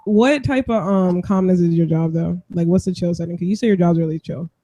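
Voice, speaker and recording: A man co-hosting a casual podcast who teases the others and throws in quick questions. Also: high voice, mellow. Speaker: podcast co-host. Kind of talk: casual chat.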